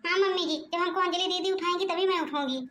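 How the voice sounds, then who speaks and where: Sly, mock-obedient cartoon bride with an Awadhi accent, voiced by a woman, high voice, roomy mic. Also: fairly even intonation, fast, a bit bright, slight background noise. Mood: defiant. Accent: Awadhi-region Hindi. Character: cheeky stubborn young daughter-in-law.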